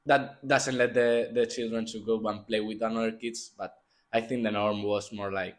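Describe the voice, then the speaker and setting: A man's voice: on the low side, flat delivery, moderate pace. A young man from Spain, a student athlete answering interview questions casually, rambling and restarting his phrases. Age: young adult.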